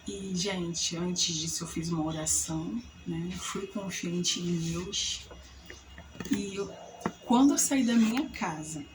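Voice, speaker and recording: A woman's voice: a little hiss or hum, poor audio. A woman in her thirties casually telling a personal faith testimony, acting out what people said with big jumps in her voice. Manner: animated storytelling, acts out quoted voices with big pitch jumps. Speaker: vlogger sharing a testimony.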